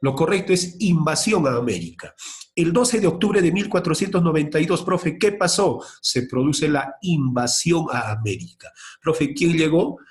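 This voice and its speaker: A man teaching a class of young students in a history lesson. He keeps asking questions and then answers them himself, with his pitch jumping up and down as he talks. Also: lively intonation, moderate pace.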